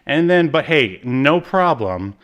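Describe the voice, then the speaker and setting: A man co-hosts a podcast, recapping a TV episode in a casual, hesitant, rambling chat. His voice is a little high and a bit bright, with big pitch swings and a slow pace. The highs in the audio are cut off.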